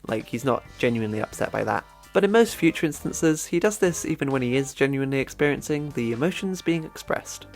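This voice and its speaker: A man's voice: medium pitch, expressive, fairly quick, vocal fry, few pauses, soft background music. Man narrating a wry video essay. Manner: wry, chatty commentary.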